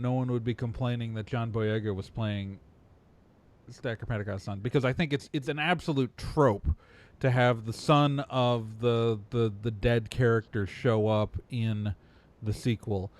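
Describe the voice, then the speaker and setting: A man in a relaxed panel podcast, talking things through in a rambling, halting way. His voice sits at an ordinary middle pitch, and he keeps restarting and circling back mid-thought. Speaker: podcast co-host. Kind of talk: casual panel chat.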